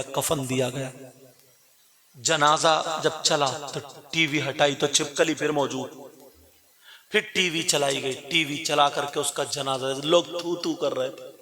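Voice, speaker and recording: Forceful, bright-voiced male preacher. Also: mid-range voice. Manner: impassioned, rising to shouted climaxes; admonishing the young listeners directly. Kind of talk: sermon storytelling.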